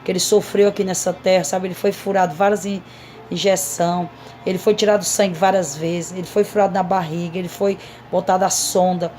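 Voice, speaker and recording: A woman's voice: fairly low pitch, flat delivery, brisk, darkish tone. A woman missionary, giving an earnest, repetitive testimony to a congregation. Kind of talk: emotional testimony sermon.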